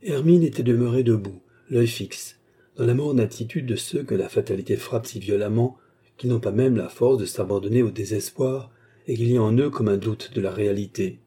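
A man reading a classic novel aloud as an audiobook narrator, in a measured, even way. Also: mid-range voice, slightly rough.

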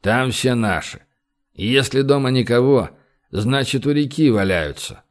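A man's voice: medium pitch, expressive, measured pace, close to an everyday voice. A man voicing an eager young anarchist who answers bluntly and offhand in an audiobook.

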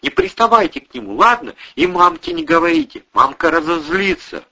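A frightened young girl pleading quietly, as a male reader puts her on. The pitch sits very high above the reader's own deep voice and the delivery is loud. The recording is dull and lo-fi. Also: huge pitch swings, brisk, creaky, breathy edge, heavily acted.

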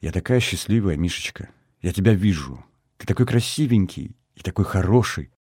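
A man's voice: medium pitch, sing-song, moderate pace, a little mellow, no room sound, clean studio sound, pitched above the performer's own voice. A man reading an audiobook voices an overjoyed, tearful young woman with a gushing, breathless delivery. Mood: whispering tenderly.

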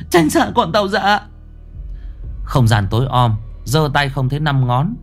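Expressive male ghost-story narrator. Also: medium pitch. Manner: expressive, suspenseful.

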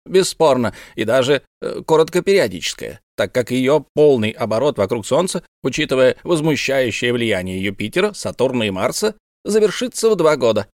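A man's voice: medium pitch, very animated, moderate pace, no room sound, studio quality, lightly acted. A man voicing a proud, eccentric old male professor who lectures emphatically in an audiobook reading. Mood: assured.

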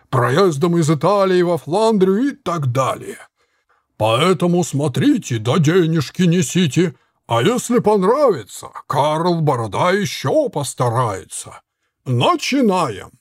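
A man voicing a bearded puppeteer barker calling out rhyming fairground patter slowly and loudly. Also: sits high, slightly rough, voice pushed up, full character voice.

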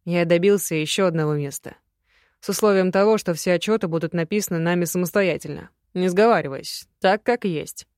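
A woman reading a young male magic student, teasing and affectionate, in a slightly louder, gentler voice. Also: on the low side, fairly quick, smooth, no room sound, studio quality, natural voice. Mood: cheerful.

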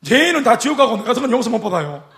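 A man's voice: very high-pitched, big pitch swings, very fast, creaky, fairly bright tone, a little hiss or hum, pitched above the performer's own voice, heavily acted. A pastor quoting a tearful young man who begs for forgiveness. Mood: pleading. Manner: pleading, dialect speech.

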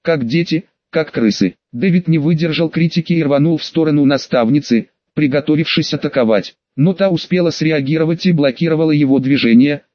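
A man reading an audiobook as narrator in an even, storytelling manner. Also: a little high, a little fast, hardly any pauses, dry recording, dull audio. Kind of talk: scripted narration.

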